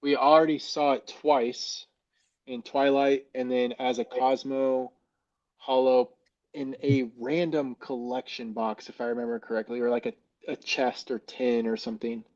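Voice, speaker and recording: A man with an American accent chats casually as a podcast guest, feeling for his words, his voice muffled as though underwater in a fishbowl. He speaks in a mid-range, darkish voice with flat delivery at a measured pace.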